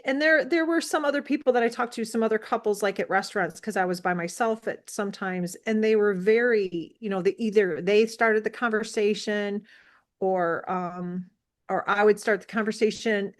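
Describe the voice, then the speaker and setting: A woman in her sixties from the United States, telling a story as an interview guest in an animated, rambling way with many fillers. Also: medium pitch. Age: 60s. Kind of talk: casual storytelling.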